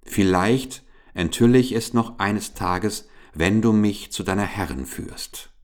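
Ein Mann liest einen neugierigen, gütigen König. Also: male voice, fairly low pitch, measured pace, pitched above the performer's own voice, natural voice. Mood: eager. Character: kindly, curious traveling king. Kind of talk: storybook reading.

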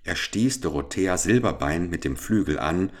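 A man narrating a children's story in a calm, measured, gently ironic way. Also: sits low.

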